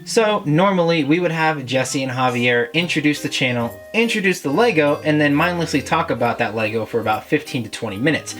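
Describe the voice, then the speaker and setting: A man's voice: a little high, animated, a little fast, few pauses, fairly bright tone, soft background music. A man hosting a casual toy review, talking in a chatty, rambling, self-deprecating way.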